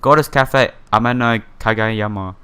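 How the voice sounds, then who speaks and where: This let's player's voice is on the low side, smooth and sharp, at a moderate pace. Reading a visual novel's text aloud, he offers casual comments and fumbles some words, with game music in the background.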